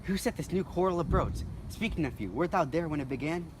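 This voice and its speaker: Lively, higher-pitched man acting a concerned house elder. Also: brisk, natural voice. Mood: questioning. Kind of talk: amateur recited Shakespeare parody. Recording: noisy recording with ambient hiss.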